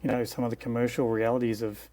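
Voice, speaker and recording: A man's voice: mid-range voice, little pitch movement, quick pace, warm tone. A middle-aged man with an Australian accent, a guest osteopath who speaks frankly and thoughtfully in a conversational interview. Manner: frank, reflective, opinionated. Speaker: guest osteopath and clinic co-director.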